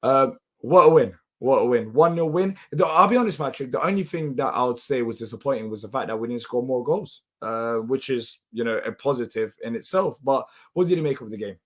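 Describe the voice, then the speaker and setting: A man hosting a live football reaction show, his voice hoarse and half lost, sounding tired. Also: mid-range voice, animated, fairly quick, few pauses. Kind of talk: live match reaction commentary.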